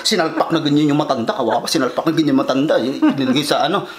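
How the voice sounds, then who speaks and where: A man vlogger telling a story in a casual chat, animated and laughing often. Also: fairly high pitch, fast, roomy sound.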